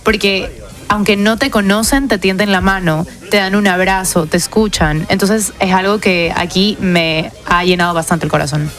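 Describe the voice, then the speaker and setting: A woman from Ecuador with an Ecuadorian accent, chatting casually in a radio studio in a warm, grateful way. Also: medium pitch, normal speed. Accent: Ecuadorian Spanish. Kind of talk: casual chat.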